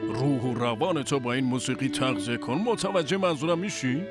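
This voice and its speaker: A man's voice: medium pitch, lightly acted. A man dubbing the role of a doctor, fussy and evasive, keeps urging others to hurry and leave. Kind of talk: dubbed TV drama dialogue. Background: music.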